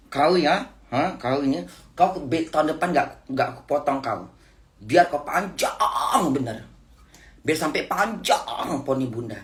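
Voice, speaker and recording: A middle-aged woman, telling a story in a casual vlog. She is playful and giggly and drifts into soft, whiny baby talk. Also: low voice. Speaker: vlogger.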